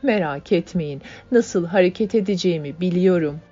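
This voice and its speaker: A woman's voice: fairly low pitch, normal speed, mellow, natural voice. A woman voicing a worried old working-class mother who speaks in short, anxious phrases. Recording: dull lo-fi audiobook, faint music.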